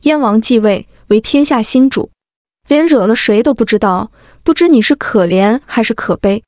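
A woman voicing a rough male soldier who barks curt, mocking orders, in an audiobook. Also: on the high side, expressive, moderate pace, darkish tone, dry recording, close to an everyday voice. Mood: harsh scorn. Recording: dry, dull lo-fi.

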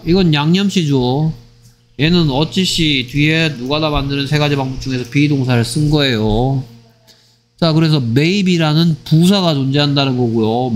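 A man teaching English grammar in a lively, teasing way, often checking whether students follow. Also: a little high, a little hiss or hum. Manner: acts out short skits in other voices. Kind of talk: online grammar lecture.

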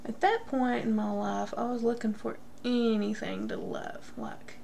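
A woman in her thirties telling a casual, confessional story to camera in a gossipy, rambling way with halting tangents. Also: on the high side, steady tone, gravelly, darkish tone, slight background noise. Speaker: vlogger. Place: small room at home, indoors.

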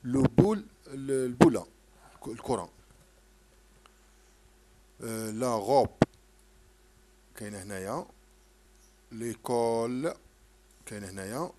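A middle-aged man with an Algerian accent tutoring a child in French sounds, repeating each syllable slowly and firmly. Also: medium pitch, lively intonation, heavy background noise. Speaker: teacher. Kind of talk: home French phonics lesson explained in Arabic.

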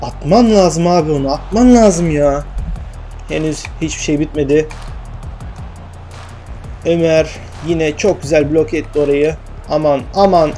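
An excitable young man narrates his football video game as he plays it, cheering his players on and groaning at missed chances. His voice sits a bit high but sounds dark and mellow, with faint game music under it. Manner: excitable, shouts at players, mutters to himself. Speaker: gaming channel host. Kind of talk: live gameplay commentary.

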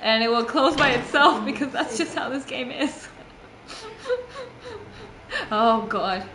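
A woman's voice: high-pitched, slow pace, noisy background. A young woman commenting casually on a game, switching between English and Spanish with a joking manner. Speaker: gaming streamer. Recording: roomy sound with game music behind.

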